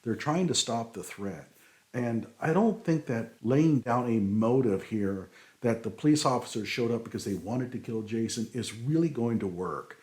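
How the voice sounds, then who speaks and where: A man's voice: mid-range voice, animated, normal speed, darkish tone. A man hosting his own show, critiquing a legal document in an explanatory, opinionated way with frequent fillers. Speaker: show host and technical writing consultant. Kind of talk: casual commentary critiquing a document.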